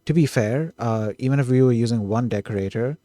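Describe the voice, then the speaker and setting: Excitable man puzzling over code aloud. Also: medium pitch, brisk, dry recording, studio quality. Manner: excitable, self-correcting, trails off and restarts. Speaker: streamer coding live. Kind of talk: thinking aloud while coding.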